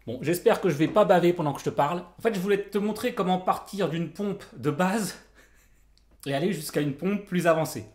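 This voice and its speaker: A man's voice: sits high, brisk, reverberant. Joking man with a numb, anaesthetised mouth. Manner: joking, self-deprecating. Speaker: jazz guitar coach and video teacher. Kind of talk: casual tutorial to camera.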